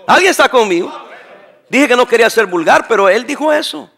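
High, bright-voiced emphatic preaching pastor. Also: male voice, animated, fairly quick, vocal fry, husky. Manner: emphatic preaching, rhetorical questions to the congregation. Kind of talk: sermon.

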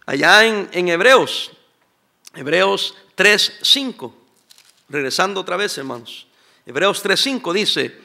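A man's voice: high-pitched, creaky, bright, forceful tone. A middle-aged man, a pastor preaching a sermon and asking his congregation for responses. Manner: preaching with call-and-response questions.

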